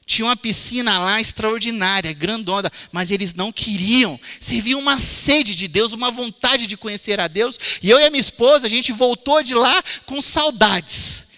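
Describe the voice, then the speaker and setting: Male pastor from Brazil, very high, piercing voice, lively sermon in a reverberant church hall. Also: normal speed. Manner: animated storytelling, addresses congregation as brothers. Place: church sanctuary.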